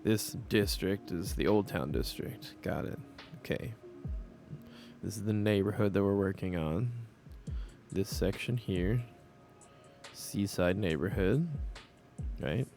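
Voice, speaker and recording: Man, gravelly, low-pitched, rambling thinking-aloud commentary, hiccups, faint music underneath. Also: slow. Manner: rambling, thinks aloud, repeats things to himself. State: hiccuping and burping. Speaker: Minecraft builder narrating his build. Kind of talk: casual gameplay commentary. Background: soft background music.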